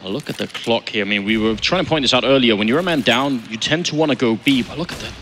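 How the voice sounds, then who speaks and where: A man commentating as an esports caster, with an urgent, excitable play-by-play delivery. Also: medium pitch, fast talker. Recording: game gunfire and noise behind commentary. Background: video game gunfire and ambience.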